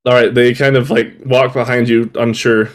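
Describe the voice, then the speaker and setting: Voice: medium pitch, flat delivery, normal speed. A game master narrating a tabletop role-playing session in a loose, laughing way.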